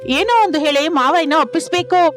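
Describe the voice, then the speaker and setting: Cartoon daughter-in-law, young, caring and persuasive, voiced by a woman; high, light music behind. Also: lively intonation, fairly quick. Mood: coaxing. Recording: music playing under the voice.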